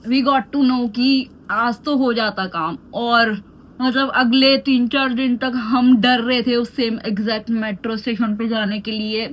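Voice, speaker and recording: A young woman with a high, light voice tells a story for her vlog, animated and chatty. She moves freely between Hindi and English. A faint hum of room ambience sits behind her. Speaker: beauty vlogger. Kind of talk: storytime vlog while doing skincare.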